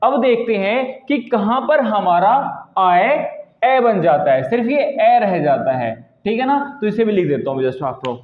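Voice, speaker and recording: Guy teacher, really high voice, patient, keeps asking "right?", echoey room. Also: big pitch swings, unhurried. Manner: patient, repeats "ठीक है ना" as a filler tag. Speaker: English teacher. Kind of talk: explaining lesson to camera. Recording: echoey room, tinny phone-like sound.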